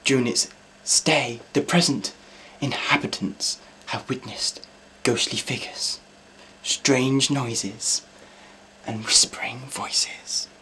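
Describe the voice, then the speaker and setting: A man playing an earnest, overeager ghost-hunt TV presenter in a mock documentary, talking in hushed, solemn tones. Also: medium pitch, fairly even intonation, takes it slowly, a little hiss or hum, low-quality recording. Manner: solemn hushed narration turning to eager questions.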